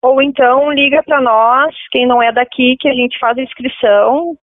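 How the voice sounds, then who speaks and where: A woman's voice: high voice, fairly even intonation, moderate pace, no room sound. A woman coordinating a university campus, interviewed on radio over a landline phone, explaining with frequent fillers and a habitual "tá?". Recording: tinny phone line on radio.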